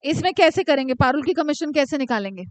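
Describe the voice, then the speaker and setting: A woman teaching commerce to a class, dictating questions slowly and teasing students by name. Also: high voice, lively intonation, a little mellow, no echo. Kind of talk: live classroom lecture.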